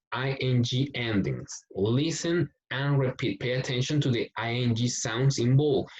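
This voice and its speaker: A male English teacher, explaining a workbook lesson slowly, step by step, and reading the exercises aloud. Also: medium pitch. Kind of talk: recorded class explanation. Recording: dull lo-fi recording.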